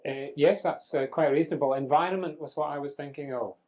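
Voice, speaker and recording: A man's voice: on the high side, brisk, a little mellow. A man giving a live medical lecture, quizzing students with dry humour. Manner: conversational, questioning the class, dry humour. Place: lecture room with audience.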